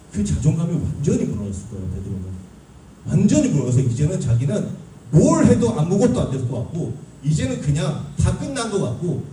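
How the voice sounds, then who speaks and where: Animated young male youth preacher, echoey hall. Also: on the high side. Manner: animated, asks the listeners questions. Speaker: youth pastor. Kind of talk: sermon to a youth group. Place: church hall. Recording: echoey room, mic at a distance, faint hum.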